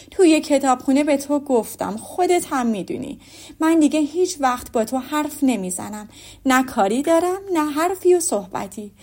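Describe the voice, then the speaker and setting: A woman voicing a fretful, complaining middle-aged mother, shrill and self-pitying, in an audiobook. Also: darkish tone. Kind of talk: audiobook character voice.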